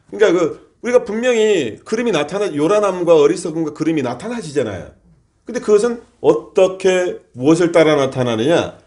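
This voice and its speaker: A Won Buddhist minister delivers a sermon to his congregation in a temple hall. His voice sits a little higher than most men's. He leans on rhetorical questions, putting a question to the room and then answering it himself. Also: darkish tone. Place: temple hall during a service.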